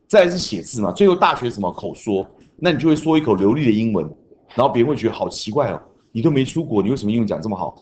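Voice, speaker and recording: A man's voice: medium pitch, a little hiss or hum. Guy teacher in a classroom, really bouncy voice, chanting grammar rules at the kids. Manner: animated, drills rules with chanted mnemonics. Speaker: junior high English teacher. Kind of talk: classroom lecture.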